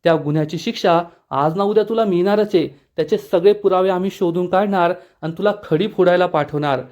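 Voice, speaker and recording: A man voicing a wronged middle-aged father who gravely warns the villain. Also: sits high, brisk, darkish tone, close to an everyday voice. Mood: bitter. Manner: angry, grave. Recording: dull lo-fi recording.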